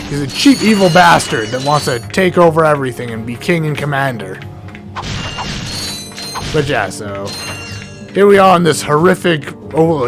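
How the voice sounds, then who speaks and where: A young man rambles through casual gameplay commentary, chatty and self-deprecating. His voice sits slightly high. Game music plays clearly beneath him. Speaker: let's play gamer.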